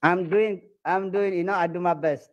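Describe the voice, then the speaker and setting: A man's voice: sits high, fairly even intonation, normal speed, muffled recording. A man with an Eritrean accent speaking broken English, playfully flirting and boasting as a comedian on a video chat. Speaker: comedian prank-chatting.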